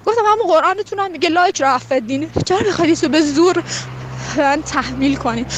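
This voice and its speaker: A woman's voice: sits high, slight background noise. A young woman from Khuzestan giving a heated, indignant personal testimony. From Khuzestan, Iran.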